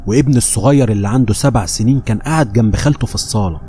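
A man with an Egyptian accent reading horror stories aloud, telling them at a steady pace and voicing the people he quotes. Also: lowish voice, very fast, slight background noise. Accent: Egyptian Arabic. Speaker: horror story narrator. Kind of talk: scripted horror story narration.

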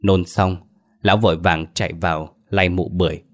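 A man narrating a folk horror story in a low, deep voice. His telling is plain and earthy, steady through the scenes. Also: moderate pace.

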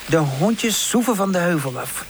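A woman narrating a children's storybook in a calm, gentle reading voice. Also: on the low side, moderate pace, noisy background. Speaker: audiobook narrator.

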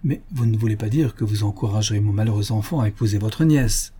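A man's voice: lowish voice, quick pace, dark tone, slightly rough. A man voicing a haughty, scheming aristocratic mother who talks in a sugary, insistent, lofty tone, reading an audiobook novel. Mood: lofty, stern.

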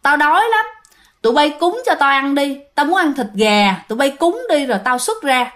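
A woman voicing a demanding male spirit that has possessed a girl, speaking in gruff commands. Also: sits high, lively intonation, normal speed, fairly bright tone. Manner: gruff commanding, talks down to listeners.

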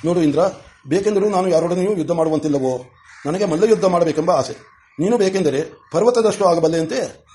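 A man's voice: high voice, a little fast, mellow, close to an everyday voice. A man voicing a mighty, boastful yet friendly male demon king in an audiobook, speaking with a laughing manner. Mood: coaxing. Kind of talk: audiobook character voice.

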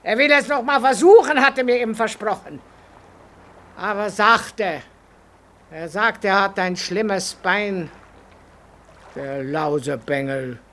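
A gruff old river spirit. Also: female voice, animated, slow pace, pauses often, a bit bright. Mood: gruff scolding. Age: older. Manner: blunt, coarse, mocking, lowers to a murmur. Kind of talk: 1940s radio drama acting.

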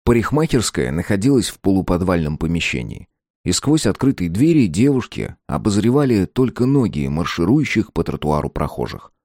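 A man narrating an audiobook in an expressive storytelling manner. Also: deep voice, normal speed, dry recording, studio quality.

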